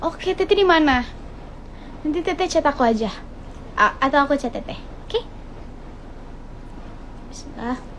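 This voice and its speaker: Young woman, family vlogger, chatty and bright, high pitch, noisy background. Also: expressive, moderate pace, pauses often. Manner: chatty, greets viewers brightly. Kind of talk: casual family vlog chat. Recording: noisy home video recording.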